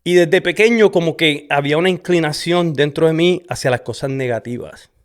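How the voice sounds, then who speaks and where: His voice is a little high and a little fast. A middle-aged Puerto Rican man hosting a podcast, he relates his personal testimony in casual Puerto Rican Spanish, tagging lines with "¿verdad?" and slipping in English "so", filmed with a studio camera setup.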